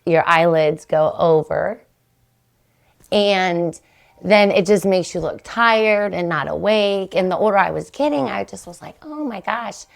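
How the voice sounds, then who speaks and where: On her podcast, a middle-aged host chats casually and rambles through a story at a measured pace. Her voice is on the low side with gravelly vocal fry, jumping higher in pitch when excitement takes over.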